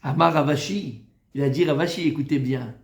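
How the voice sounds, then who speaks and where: A man, a rabbi, giving an informal Talmud lesson to a live group, familiar and teasing with his listeners, moving between loud urging and soft coaxing. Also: a little high, a little fast. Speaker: rabbi teaching a Torah class. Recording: echoey room.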